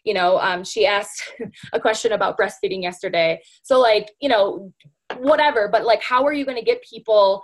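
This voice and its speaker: She speaks at a moderate pace in a medium-pitched voice while motivating her sales team. The talk is casual and chatty, packed with "like" and "you know," and she refers to her listeners as "you guys" again and again.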